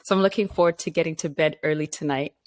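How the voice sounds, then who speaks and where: Podcast guest, a woman from Zimbabwe, warm and chatty, slightly worn out, lower pitch. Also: steady tone, fast talker. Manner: friendly, chatty, laughs easily. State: a little tired. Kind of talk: casual interview chat.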